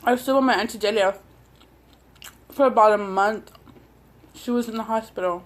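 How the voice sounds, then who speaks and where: A woman chats casually while chewing, telling personal stories between bites in a hesitant, rambling way, much like a mukbang vlogger. Her voice is mid-range and she talks at a normal speed.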